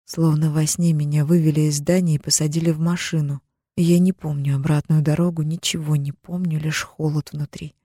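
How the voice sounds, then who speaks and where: A woman's voice: sits low, flat delivery, a little fast, warm tone, husky, no echo, studio quality. A woman narrating a first-person audiobook in a tense, emotional reading.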